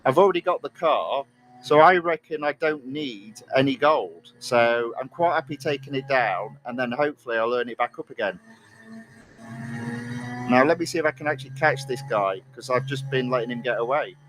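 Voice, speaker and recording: A middle-aged Englishman live-streams a racing game, chatting in a relaxed way full of ums and uhs and reading the chat aloud. His voice is medium-pitched at a moderate pace, over a noisy background.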